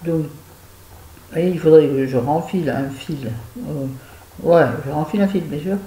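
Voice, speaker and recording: A woman's voice: low voice, normal speed, warm tone. Chatty self-mocking woman in echoey room. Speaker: beauty vlogger reviewing used-up products. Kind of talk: casual chat to viewers. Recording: roomy echo, faint background noise.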